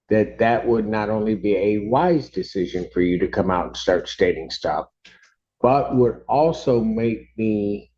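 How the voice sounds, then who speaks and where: A man presiding as judge, captured on a courtroom recording, firm and quick to cut in with "hold on.". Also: on the low side, dark tone. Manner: firm, interrupts with repeated "hold on". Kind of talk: presiding over court hearings. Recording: dull courtroom audio recording.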